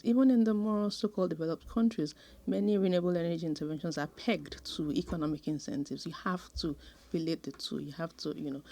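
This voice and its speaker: A woman sociologist answering interview questions in a measured, thoughtful way, pausing often with ums. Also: low voice, dark tone. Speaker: sociologist guest.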